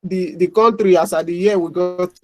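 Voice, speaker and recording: A man's voice: high voice, fairly even intonation, normal speed, dry recording, faint music behind. Man tutoring over a video call. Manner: chatty, loose, with frequent restarts and repeated words. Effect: heard over a video call. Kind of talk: online class, casual chat before teaching.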